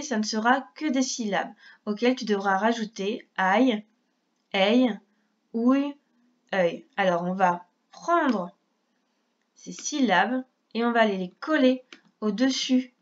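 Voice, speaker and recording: Woman, teacher, children's dictation, very slow and careful, repeats each syllable, patient, dull lo-fi recording. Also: fairly high pitch. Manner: addresses the child directly and patiently. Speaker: primary school teacher. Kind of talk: dictation lesson for young children.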